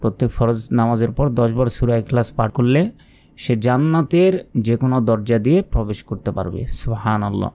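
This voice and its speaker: A man with a Bangladeshi Bengali accent teaching Quran recitation, calmly and patiently repeating each word. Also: mid-range voice, normal speed. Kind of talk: religious lesson with slow recitation.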